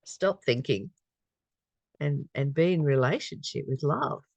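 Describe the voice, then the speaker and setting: The recording is dry and echo-free, with very little room sound and the highs cut off. A spiritual study reader with a creaky, darkish, medium-pitched voice and lively intonation takes an unhurried pace, alternating reading aloud with casual reflection and often repeating a phrase or questioning the listener.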